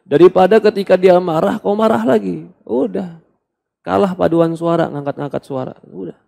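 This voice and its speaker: A man delivers a question-and-answer sermon in a mellow, gravelly voice. He builds to loud, animated points and then falls quiet to quote gentle advice. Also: high voice, moderate pace. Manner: animated, rising to emphatic bursts then dropping to soft quoted asides. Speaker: Islamic preacher answering questions. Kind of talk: sermon, Q&A lecture.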